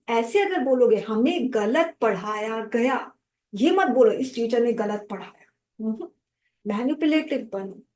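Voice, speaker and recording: A woman with a fairly high voice explains grammar to students in a lecture. She switches between Hindi and English and voices the people in her stories as she goes. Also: a little mellow. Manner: mixes Hindi and English, acts out quoted dialogue. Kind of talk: classroom lecture with personal stories.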